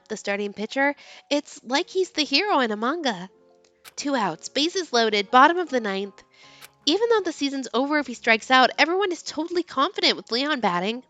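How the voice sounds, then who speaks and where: A woman with a high, bright voice reads game text as a let's player. Her delivery swings widely between expressive narration and casual commentary, with music playing behind her. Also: no echo.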